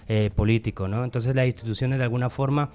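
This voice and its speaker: A man, a guest on a radio interview, explaining his points in a measured way. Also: mid-range voice, steady tone, darkish tone. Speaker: guest researcher.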